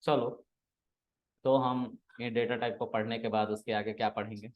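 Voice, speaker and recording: A man's voice: medium pitch, little pitch movement, normal speed, muffled recording. A man teaching a programming class, casually quizzing and teasing his students in a classroom. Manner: teasing, asks students questions and scolds them.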